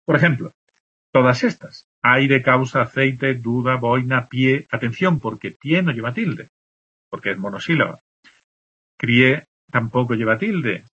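A male teacher from explains the rules for written marks, saying example words slowly and checking in with the class again and again. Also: mid-range voice, a bit bright, husky. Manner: explains patiently, checks in with constant "¿de acuerdo?". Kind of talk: spelling lesson explaining accent marks. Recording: dull lo-fi recording.

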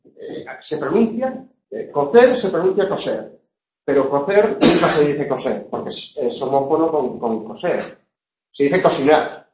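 A man teaching a class on pronunciation, drawing out his examples slowly and checking in with the students again and again. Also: a little high, animated, a little mellow. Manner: slow, drawn-out examples with frequent "¿eh?" and "¿vale?" checks. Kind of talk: classroom lecture on phonetics. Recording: echoey room, distant lo-fi mic.

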